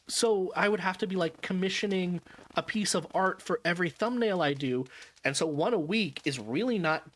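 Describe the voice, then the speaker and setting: This man's voice sits on the high side and is a bit bright. Streaming as a vtuber, he's tired and slightly jet-lagged, talking loosely to viewers, wandering off topic and fixing his own words with dry little asides.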